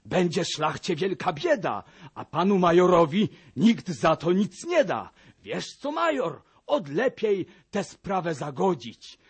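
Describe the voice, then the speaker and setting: An actor playing a sly old Russian army captain who coaxes and wheedles in a folksy way in a radio drama. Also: male voice, sits high, sing-song, takes it slowly, husky, exaggerated voice. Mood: wheedling. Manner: coaxing, folksy, full of proverbs.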